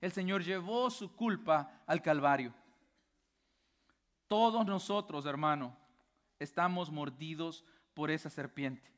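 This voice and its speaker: High-pitched guy preaching a sermon, fired up, keeps asking the church questions, goes soft then loud. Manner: impassioned preaching with rhetorical questions to the congregation; swings between low hushed stretches and loud emphatic ones. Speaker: pastor.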